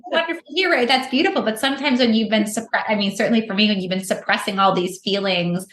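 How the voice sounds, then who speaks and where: A woman's voice: medium pitch, fast, fairly bright tone, a little hiss or hum. A woman guest on a podcast, explaining things casually with lots of fillers and restarts. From United States. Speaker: podcast guest, microdosing entrepreneur. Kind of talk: casual interview answers. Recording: roomy echo.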